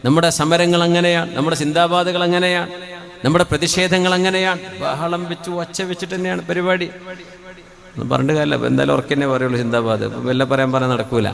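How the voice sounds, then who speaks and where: A man's voice: a little high, steady tone, quick pace, vocal fry, fairly bright tone. A male Islamic preacher, giving a sermon in a conversational, questioning way and chanting short Arabic phrases in a melodic tone. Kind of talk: Malayalam religious sermon. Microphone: microphone.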